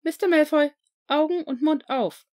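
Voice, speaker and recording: A woman voicing a strict older female school healer in an audiobook, brisk and stern. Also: high voice, a little mellow, pitched above the performer's own voice, natural voice.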